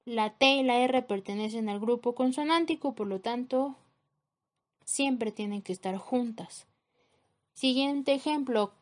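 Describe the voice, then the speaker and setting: A woman teacher explaining a grammar lesson in a measured way, spelling out examples letter by letter. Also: fairly high pitch.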